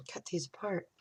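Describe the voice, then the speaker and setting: A woman hosting a casual crafting tutorial, chatting and thinking aloud as she works, sometimes dropping to a whisper. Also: heavy background noise.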